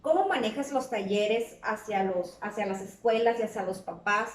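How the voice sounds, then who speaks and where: A woman's voice: mid-range voice, normal speed. A woman talk show host, chatty and a little hesitant as she asks her guest questions. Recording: roomy sound from a distance.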